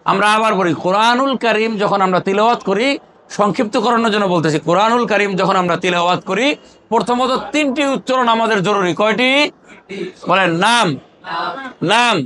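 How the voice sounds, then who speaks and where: A man's voice: high-pitched, sharp tone. A man from Bangladesh teaching Quran recitation to a class, asking questions again and again, prompting the group to answer aloud and drilling terms in chanted repetition. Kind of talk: call-and-response classroom teaching.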